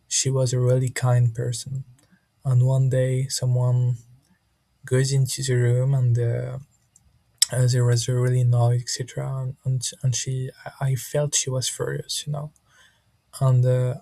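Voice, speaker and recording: Halting man with a gravelly voice. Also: medium pitch, mellow, dry recording. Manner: hesitant, searching for words with many restarts. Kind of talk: casual spoken monologue.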